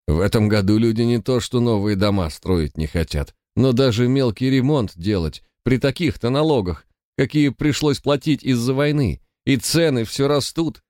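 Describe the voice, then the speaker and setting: A man's voice: medium pitch, moderate pace, few pauses, darkish tone, no room sound, studio quality, pitched above the performer's own voice, natural voice. A man voicing a burly, callous male landlord's enforcer in an audiobook, blunt and threatening. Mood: scornful.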